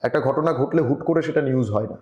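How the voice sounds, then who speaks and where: A man's voice: medium pitch, brisk, a little mellow, muffled recording. Earnest man on a roomy video call. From Tripura, India. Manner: earnest, advising, with frequent hesitations. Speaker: journalist guest. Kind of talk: online interview conversation.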